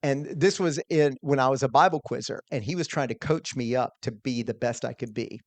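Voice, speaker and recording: A man's voice: mid-range voice, brisk, dry recording. A middle-aged man, a small business owner, telling a personal story in an earnest, conversational way, often restarting his words.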